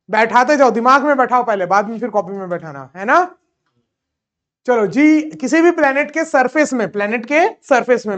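A man teaching a physics lesson in Hindi mixed with English terms. He keeps asking questions and answering them himself, and he slows right down when dictating. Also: very high voice, a bit bright. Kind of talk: classroom physics lecture.

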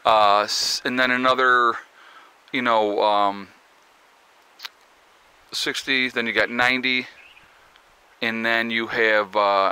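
This walk-and-talk vlog features a man with a Northeastern American accent touring his rural homestead outdoors, handheld camera in tow. His fairly low voice sounds pushed and bright with a clean tone, and he rambles with many fillers and restarts.

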